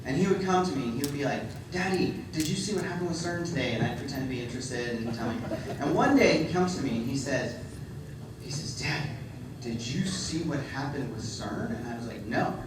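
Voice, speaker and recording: In an echoey large hall before an audience, a middle-aged conference speaker holds a handheld mic and delivers a funny, self-deprecating talk peppered with ums. His voice is medium-pitched and a little fast, picked up by a distant mic with background noise.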